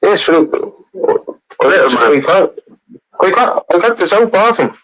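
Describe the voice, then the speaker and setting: A man's voice: high-pitched, expressive, unhurried, fairly bright tone, rough recording. An Irish-accented man in casual, bantering group chat full of informal slang.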